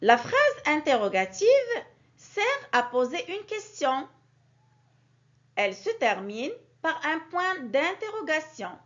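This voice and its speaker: A woman teaching a grammar lesson to young children, with a clear, sing-song teacherly delivery that stresses key words. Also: high-pitched, sing-song, takes it slowly, a bit bright. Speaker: primary school teacher. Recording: dull lo-fi recording.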